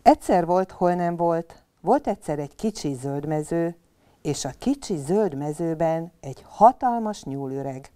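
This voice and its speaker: A woman storyteller reading a children's tale aloud with lively, expressive delivery. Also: low voice.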